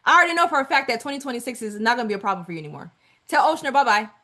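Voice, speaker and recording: A woman hosts a live online webinar with a bright, clear voice and a pitch that swoops up and down. She chats casually and animatedly with attendees, repeating herself as she talks on a video call. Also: very fast. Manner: animated, repeats herself, calls people girl. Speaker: webinar host.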